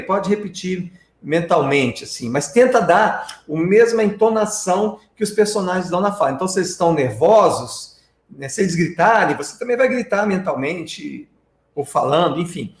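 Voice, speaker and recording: A man's voice: high-pitched, lively intonation, fairly quick, roomy sound. A man with a Brazilian Portuguese accent, teaching a live-streamed lesson and explaining step by step while checking in with his viewers. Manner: explanatory, tag questions to viewers. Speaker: English teacher.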